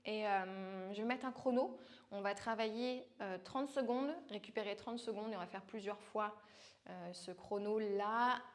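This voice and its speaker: A woman's voice: mid-range voice, measured pace. A woman leading a home workout as a fitness coach, chatty, joking and poking fun at herself between instructions. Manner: joking, chatty and self-mocking.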